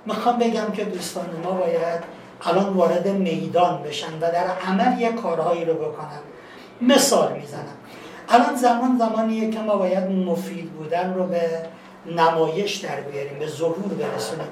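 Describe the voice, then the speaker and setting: High-voiced man telling a moral story. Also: a little hiss or hum. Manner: animated storyteller, acts out voices. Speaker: guest speaker, teacher. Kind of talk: storytelling lecture. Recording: echoey room, distant mic, faint ambience.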